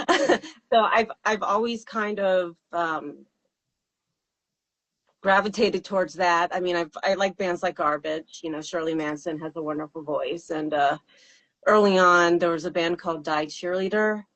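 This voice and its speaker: This singer-songwriter, a woman whose voice is fairly low, takes interview questions with care and some hesitation, laughing and using fillers. She talks a little slowly, and her tone is a bit bright.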